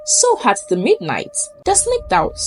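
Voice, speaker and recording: With background music running beneath her, a Nigerian woman tells a spooky folktale in a suspenseful, theatrical style. Her voice sits on the high side, its pitch swooping wildly while her pace stays measured.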